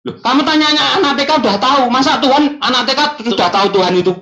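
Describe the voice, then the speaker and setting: A man's voice: very high-pitched, animated, racing, crowd noise. A man arguing hard in a heated live debate, insisting and repeating the same taunts. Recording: echoey hall, dull sound.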